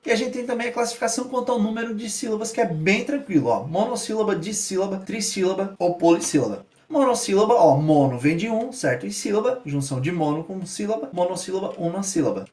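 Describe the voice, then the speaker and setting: A male teacher giving a patient, step-by-step explanatory lesson, often pausing to check that his students follow. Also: high voice, expressive, a little mellow. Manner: patient, spells out examples, keeps checking in with listeners. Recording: roomy echo, voice from a distance.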